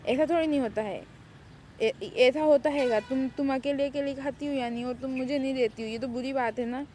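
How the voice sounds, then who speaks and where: A sulky, childlike young man voiced by a woman whines and pouts as he complains in a fan drama. The voice sits a little high yet mellow and soft-edged. A faint hum runs behind it. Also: steady tone, natural voice. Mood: complaining. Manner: whiny, pouting, complaining. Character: sulky childlike young man who loves banana milkshake. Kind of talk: amateur Urdu fan drama.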